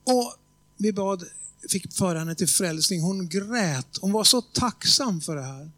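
A man delivers a sermon like a conversational story, quoting voices and often checking that the congregation is following. His high-pitched voice is animated, bright, and forceful with no echo, and he slows down to press hard on key words.

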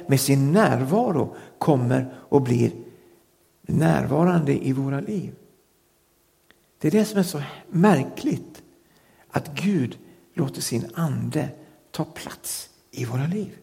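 A man preaches an earnest sermon with a gravelly, creaky edge to his voice. He slows down and presses hard on key phrases. His words ring out with a long hall reverb. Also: fairly high pitch, warm tone.

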